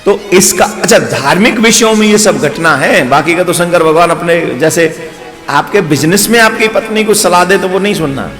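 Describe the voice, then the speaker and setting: A man's voice: high-pitched, expressive, normal speed, fairly bright tone. A man with a Braj-tinged Hindi accent telling a devotional story as a sermon, adding playful asides to the listeners. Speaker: spiritual preacher. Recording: long hall reverb with faint music.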